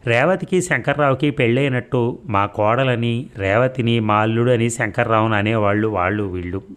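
A man narrating an audio story in a steady, measured reading. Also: lowish voice.

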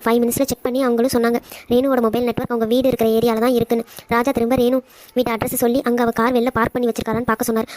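A woman narrating an animated love story in a quick, lively storytelling manner. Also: fairly high pitch, no echo. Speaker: narrator and voice actor.

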